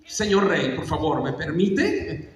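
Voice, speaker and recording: A high, boyish shepherd lad, acted out by a preaching man, pleading with a king, then flinging bold words at a giant. The voice rings through a large echoing hall, picked up from a distance. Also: lively intonation, slow pace. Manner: pleading, then fervently defiant. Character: young shepherd boy David, small and bold. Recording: echoey church hall, mic far off.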